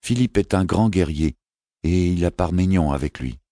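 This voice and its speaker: A tender queen mother, as a male narrator puts her on, gentle and reassuring but quick to turn fierce. Her voice is pitched higher than the narrator's deep tone and carries a little gravel. The sound is dry and close. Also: dry recording. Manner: gentle, reassuring, flaring sharply.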